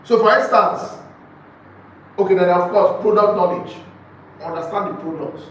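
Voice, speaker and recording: At normal speed and in a high-sitting voice, a man with a Nigerian accent teaches a live real estate sales session to a group. He's emphatic, repeats key phrases, and asks listeners rhetorical questions, with the audio echoey, distant, and faintly noisy.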